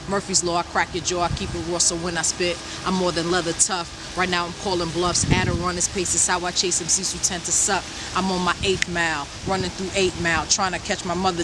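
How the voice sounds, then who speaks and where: A woman rapper from New York, rapping fast and intense verses and talking casually about her music. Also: fairly low pitch, noisy background. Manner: rapid intense rhyming delivery. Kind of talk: rapping and casual interview talk.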